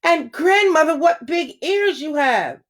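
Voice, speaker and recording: Woman playing a little girl, high, bright, eager, innocent, wide-eyed, storybook read-aloud. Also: big pitch swings, normal speed.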